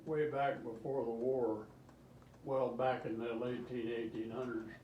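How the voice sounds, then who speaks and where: An elderly man reminisces casually, haltingly rambling and repeating himself as he recalls things. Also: mid-range voice, level tone, lo-fi sound. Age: 80s or older. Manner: old man's halting, rambling recollection with repeats. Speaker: interviewee, grandfather. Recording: roomy, distant mic, faint background noise.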